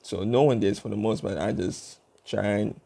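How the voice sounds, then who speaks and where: A young man vlogging alone to his channel, his voice dark and mellow with a gravelly rasp at the edges. He rambles through fillers and restarts. He tries to keep his pace slow and deliberate. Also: lowish voice. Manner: working to speak slowly and deliberately. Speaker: YouTube vlogger. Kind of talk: casual vlog monologue.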